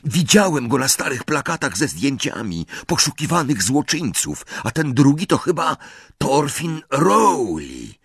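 A man's voice: mid-range voice, very animated, a little slow, fairly bright tone, breathy edge, no room sound, pitched above the performer's own voice, heavily acted. Ron, a grumbling boy wizard, read by a man. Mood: informative. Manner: plain-spoken, grumbling. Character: blunt, jumpy teenage boy wizard.

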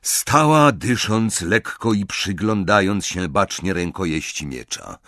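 A man narrating an audiobook with a measured, dramatic reading. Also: low-pitched, expressive, a bit bright, dry recording, clean studio sound.

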